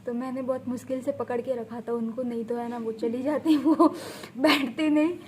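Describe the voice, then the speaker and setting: A woman's voice: high-pitched, steady tone, normal speed, darkish tone, a little hiss or hum. A woman, telling a childhood story to camera at home and laughing often as she talks. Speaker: vlogger.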